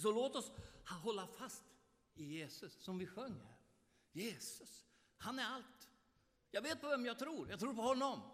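A man preaching a sermon, emphatic, with loud outbursts and quiet asides. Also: high voice, in a large hall.

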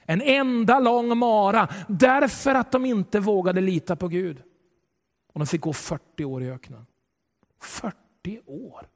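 A male pastor preaching a sermon with dramatic swings between loud and hushed delivery. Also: sits high. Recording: long reverb of a large hall.

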